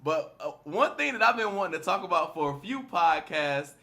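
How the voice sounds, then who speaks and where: Bright-voiced American man with a smoker's rasp. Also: high voice, expressive, normal speed. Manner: informal, slangy. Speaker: podcast host. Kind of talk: casual chat.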